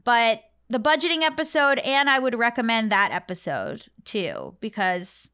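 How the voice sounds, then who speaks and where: A woman with a smooth, clean voice that sits a bit high. She chats as a podcast host, offering advice informally and frankly. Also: sing-song, normal speed, bright, forceful tone. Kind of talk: casual advice chat.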